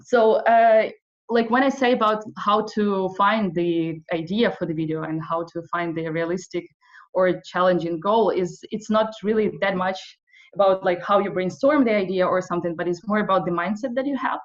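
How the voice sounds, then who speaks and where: A woman's voice: mid-range voice, fairly even intonation, normal speed. A young woman from western Ukraine in her twenties, leading an online video workshop in a hesitant way, with many fillers. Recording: slightly dull audio.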